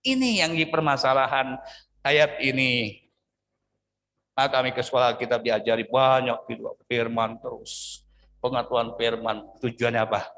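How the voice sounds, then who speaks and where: With sudden swings in pitch and words pulled long, a man pastor preaches animatedly in an Indonesian accent. His sermon alternates between loud, emphatic lines and subdued, drawn-out phrases.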